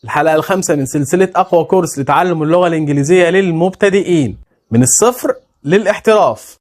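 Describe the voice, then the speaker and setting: Egyptian man teaching beginner English. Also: high-pitched. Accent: Egyptian Arabic. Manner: repeats English words slowly, twice, for learners. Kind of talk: beginner language lesson.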